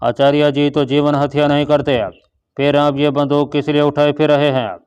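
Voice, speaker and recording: A man's voice: a little high, normal speed, clear, resonant tone, muffled recording, close to an everyday voice. A man reading a friendly carriage driver. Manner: friendly, relaxed. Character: male horse-carriage driver, easygoing and friendly.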